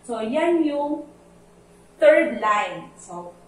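Speaking very slowly, with large swings in pitch, a Filipino woman with a slightly high voice patiently explains a Bible verse to children at Sunday school. She switches between Tagalog and English and sings the verse's lines to teach the tune. Slight background noise, faint music, and an echoey, distant sound mark the recording.

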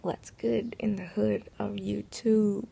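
A young woman vlogging her morning beauty routine, her croaky morning voice low on energy and gravelly at the edges. She talks at an unhurried pace in a slangy, chatty way, often sinking to a near-whisper, and her voice sits fairly high. A faint room hum runs behind her. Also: little pitch movement, warm tone. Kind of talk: casual get-ready-with-me vlog.

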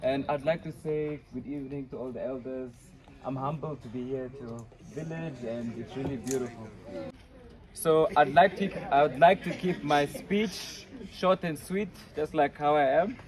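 A man's voice: mid-range voice, normal speed, poor audio. A young man from Namibia giving an earnest birthday speech to guests at an outdoor night party, speaking up so the crowd can hear. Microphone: phone camera a few metres away.

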